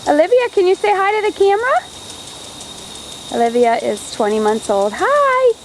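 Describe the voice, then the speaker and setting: A woman's voice: very high voice, sing-song, normal speed, a little hiss or hum. A mother on home camcorder audio, filming her toddler outdoors and talking to her in a sing-song way. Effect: home camcorder recording. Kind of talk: home video. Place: outdoors in a garden.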